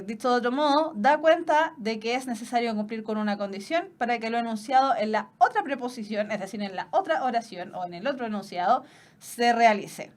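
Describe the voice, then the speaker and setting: Chilean woman teaching a class, a bit high. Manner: explains with everyday examples, repeats ideas in other words. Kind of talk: online exam-prep class.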